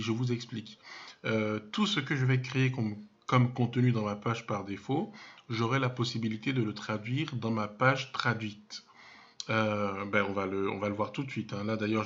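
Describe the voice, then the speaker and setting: A man giving a software tutorial, hesitant and full of fillers and restarts, thinking aloud as he clicks, with self-mocking asides. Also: fairly low pitch, steady tone, moderate pace, lo-fi sound. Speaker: web development trainer. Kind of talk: screen-recorded software tutorial.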